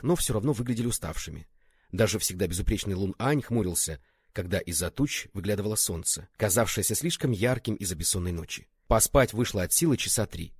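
A man narrating an audiobook in a steady storytelling manner. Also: fairly low pitch, slightly rough, no room sound, studio quality.

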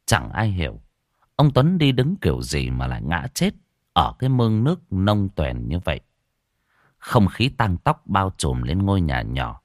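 A man's voice: low-pitched, normal speed, dry recording, clean studio sound. A man narrating a horror story as an audiobook reader. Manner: expressive storytelling.

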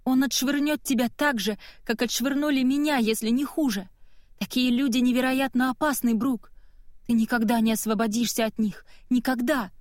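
A woman's voice: a little high, fairly even intonation, moderate pace, dry recording, clean studio sound, pitched above the performer's own voice, natural voice. Woman doing a pleading, reproachful young sister.

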